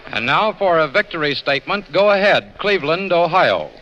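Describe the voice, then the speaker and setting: A man reading election bulletins as a radio news announcer, brisk and formal, heard on an old 1940s radio news broadcast recording. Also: fairly high pitch, very animated, sharp tone. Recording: dull, lo-fi old radio recording with faint hiss.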